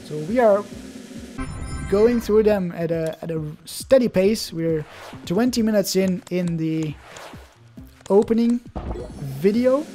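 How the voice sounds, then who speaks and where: With a medium-pitched, darkish voice, a young Belgian adult chats casually through the opening of card packs. Their native language is Dutch, spoken with a Belgian Dutch accent, and the commentary is hesitant and keeps restarting.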